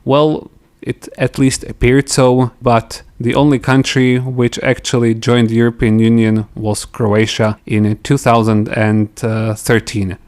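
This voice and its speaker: A man from Slovakia, hosting an interview podcast in a halting way, often pausing to search for words. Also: medium pitch, level tone, a little mellow. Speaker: podcast host. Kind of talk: casual interview chat.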